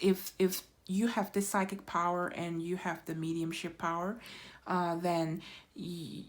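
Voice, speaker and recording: A tarot reader with a fairly low voice gives a pick-a-card reading, unhurried and reassuring. She often checks in with "right?" and fills pauses with "um."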